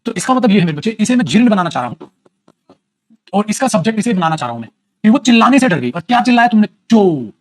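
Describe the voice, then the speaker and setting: A lively man teaching a grammar class. His voice sits high and swoops about as he jokes with the students. The close, dry recording has no room sound. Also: very fast, dry recording. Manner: animated, teasing, calls students beta. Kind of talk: classroom grammar lesson in Hindi.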